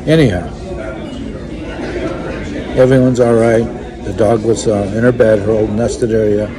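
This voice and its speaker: An older man recounting a story to his phone camera, halting and reflective, with many pauses and fillers. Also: on the low side, steady tone, a crowd in the background. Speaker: vlogger. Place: indoors in a wood-panelled restaurant or bar. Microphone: phone held close, selfie framing.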